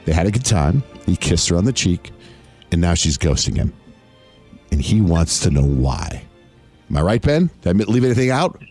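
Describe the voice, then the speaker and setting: A man hosting a morning radio show, retelling a caller's story with lively delivery. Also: low-pitched, moderate pace, faint music behind.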